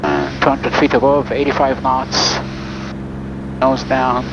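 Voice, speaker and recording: A man's voice: medium pitch, level tone, takes it slowly. A man piloting a small plane, talking himself through each step and making radio calls. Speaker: student pilot flying solo. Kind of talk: cockpit self-narration with radio calls. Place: small plane cockpit in flight. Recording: dull cockpit audio, clear engine noise.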